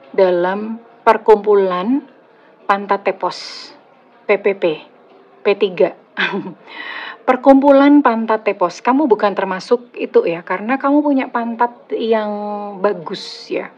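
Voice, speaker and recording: Indonesian woman tarot reader, slightly husky, chatty and teasing, casual one-to-camera reading, a bit lo-fi. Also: medium pitch. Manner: chatty, teasing, laughs at own jokes. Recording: slightly dull lo-fi audio.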